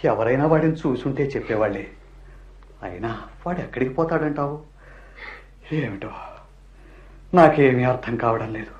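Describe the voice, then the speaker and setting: A man's voice: mid-range voice, normal speed, pauses often, a little mellow, close to an everyday voice. An actor playing a distraught father pleading over his lost little son in a radio play. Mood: despairing. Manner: pleading, distraught, voice rising in panic. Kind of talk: radio drama acting. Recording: echoey, dull lo-fi radio drama recording.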